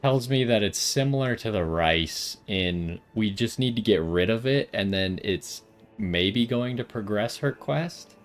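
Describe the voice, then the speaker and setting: Male game commentator, low pitch, casual think-aloud delivery, self-questioning, light music underneath. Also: lively intonation, a little slow. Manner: musing, asking himself questions. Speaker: gaming video host.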